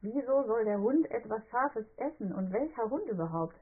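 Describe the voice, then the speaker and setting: A woman's voice: a little high, expressive, moderate pace, narrow, tinny audio. A woman voicing a naive, good-natured young girl who speaks in a plain, puzzled way.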